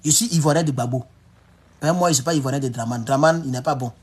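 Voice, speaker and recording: A man giving excitable, emphatic political commentary on a live stream. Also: mid-range voice, quick pace, very noisy.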